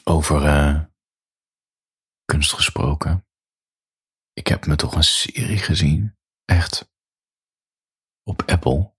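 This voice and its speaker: A man musing aloud in an unhurried monologue as a podcaster, then reading his own story aloud. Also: a bass voice, fairly bright tone, husky, no echo, clean studio sound.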